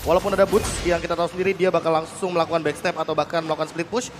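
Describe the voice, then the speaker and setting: An Indonesian man works as an analyst caster on a live esports match. He talks extremely fast in a high voice, with music behind him. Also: flat delivery.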